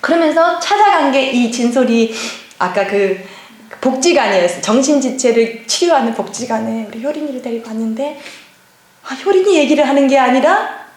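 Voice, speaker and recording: A middle-aged woman, a pastor's wife, giving a lively personal testimony at a church seminar and acting out past conversations. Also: high-pitched, moderate pace. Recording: echoey church hall.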